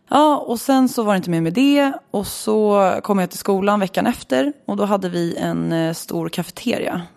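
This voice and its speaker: A woman's voice: lowish voice, gravelly, a little mellow. A woman in her late twenties from Sweden, telling a personal story in casual chat, candid and swearing freely. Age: 20s.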